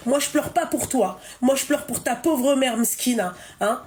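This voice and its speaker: Femme aiguë qui sermonne avec insistance. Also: female voice, sits high, a little slow, a little mellow. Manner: scolding, emphatic, repeats herself. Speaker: live stream host. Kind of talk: live call-in chat.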